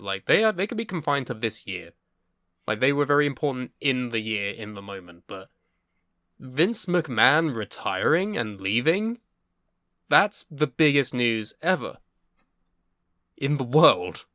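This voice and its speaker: A young man co-hosting a casual podcast chat, swearing freely and bursting into excited yelling. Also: medium pitch, moderate pace, no room sound, studio quality. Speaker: podcast co-host.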